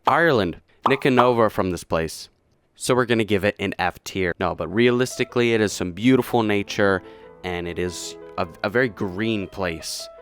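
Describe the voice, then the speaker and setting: A young man chatting casually and jokily while ranking countries, often trailing off quietly at the ends of phrases. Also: on the low side, normal speed, soft background music. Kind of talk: casual commentary vlog.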